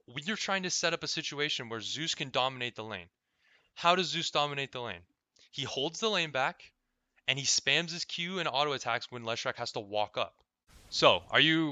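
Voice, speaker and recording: Bright-voiced man coaching a gamer. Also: mid-range voice, dry recording. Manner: explains step by step, keeps checking in with "right?", swears freely. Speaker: game coach. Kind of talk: casual coaching over a gameplay replay.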